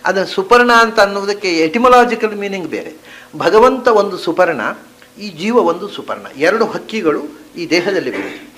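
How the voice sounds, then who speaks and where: Guy giving a scripture talk, highish voice, chants verses then explains, goes quiet then punchy. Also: sing-song, moderate pace, a little hiss or hum, rough recording. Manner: switches between soft murmurs and emphatic stresses. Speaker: spiritual teacher. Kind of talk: scripture discourse.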